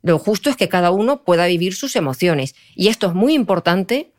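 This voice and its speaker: A woman, a psychologist guest on a podcast, explaining in an expressive way and often checking in with her listener. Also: fairly low pitch, fairly quick. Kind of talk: podcast interview conversation.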